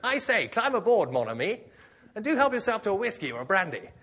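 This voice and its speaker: Male preacher doing a high, plummy toff with a yacht, loud and quick, genteel, tossing in a French phrase. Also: big pitch swings, slightly rough, heavily acted. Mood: jovial. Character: posh upper-class man offering yacht rescue.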